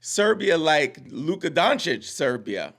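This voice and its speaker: A male podcast host with a fairly high speaking voice, upbeat and eager. He asks his guest questions in a casual interview. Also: very animated, takes it slowly, fairly bright tone. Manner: upbeat, enthusiastic.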